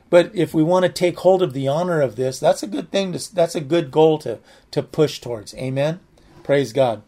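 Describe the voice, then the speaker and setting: A man's voice: on the high side, a little mellow. A man in his late sixties, a pastor teaching a Bible passage in a loose, conversational way, often repeating himself and restarting his phrases. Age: 60s.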